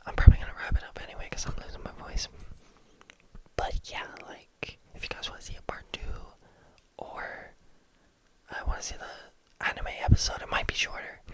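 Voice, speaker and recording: Close-mic whispering, near enough to pop, comes from a young adult ASMR creator. The talk is loose and rambling, packed with "like" and "um" fillers, and she often loses the thread of what she's saying.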